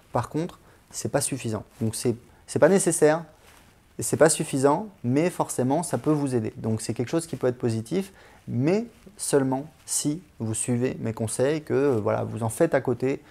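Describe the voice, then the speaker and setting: A man's voice: medium pitch, vocal fry, mellow. A man in his thirties giving casual advice on learning languages in a chatty way, with many fillers and restarts.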